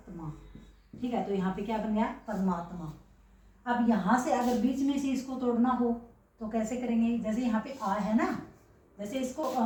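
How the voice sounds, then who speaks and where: A woman's voice: fairly high pitch, warm tone. A woman teaching a grammar lesson, who keeps asking rhetorical questions and checking that her students understand. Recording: echoey room, voice from far off.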